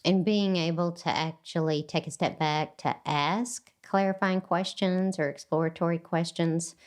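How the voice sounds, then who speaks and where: A woman hosting an interview, calmly giving short affirmations and adding her own reflections. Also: low voice. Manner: calm, gives frequent short affirmations. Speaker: podcast host.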